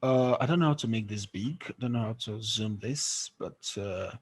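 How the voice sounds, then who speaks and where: A man with a lowish, slightly rough voice tutors a student online in English pronunciation at normal speed. He keeps checking that they're following, frequently asking "okay?"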